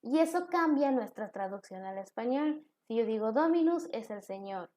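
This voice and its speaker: A woman's voice: on the high side, lively intonation, normal speed, a little mellow. A woman teacher giving a recorded online class, explaining step by step with examples.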